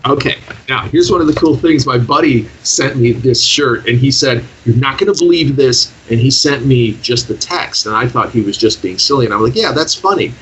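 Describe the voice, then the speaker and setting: A man with a Michigan accent chatting casually, then leading a hypnosis induction in a slower, deeper, soothing voice. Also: a bit bright, slight background noise, rough recording. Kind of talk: hypnosis session over a call.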